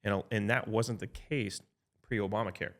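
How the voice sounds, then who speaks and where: Low-voiced chatty man in his fifties. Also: steady tone, normal speed, fairly bright tone. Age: 50s. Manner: chatty, frequent "right?" tag checks and restarts. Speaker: health insurance advisor. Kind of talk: casual podcast explanation.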